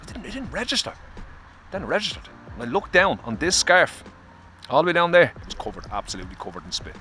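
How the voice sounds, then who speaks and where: Irish male vlogger, bright forceful tone, open and confessional, casual swearing, faint traffic behind. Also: fairly high pitch, big pitch swings, fast. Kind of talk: candid personal vlog. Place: outdoors in the cold.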